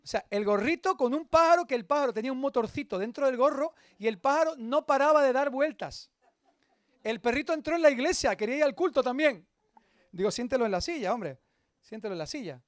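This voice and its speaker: A middle-aged man preaching a sermon as a pastor, telling a story with lively acted-out quotes. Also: extremely high pitch, a little fast, dry recording, clean studio sound. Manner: animated, acts out quoted voices. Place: church meeting hall.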